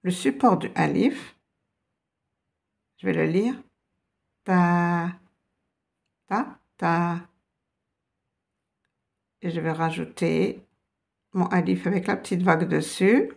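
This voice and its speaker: A woman's voice: lowish voice, measured pace, creaky, pauses often, darkish tone. A woman teaching a beginner language lesson, explaining patiently step by step. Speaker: Arabic teacher.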